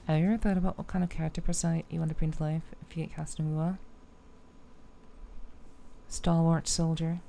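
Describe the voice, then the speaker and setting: A playful, teasing woman streamer chatting casually while gaming, soft-spoken and often dropping toward a whisper. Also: low voice, flat delivery, quick pace, vocal fry, pauses often. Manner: playful, teasing gamer girl. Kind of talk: casual live-stream chat.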